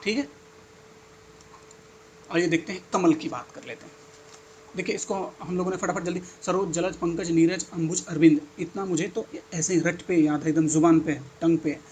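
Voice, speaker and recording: Young man, teacher type, slightly high voice, reads lists with chatty enthusiasm, faint hiss behind. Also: normal speed, pauses often, darkish tone. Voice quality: enthusiastic, chatty asides between listed words. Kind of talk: exam-prep lesson reading out word lists.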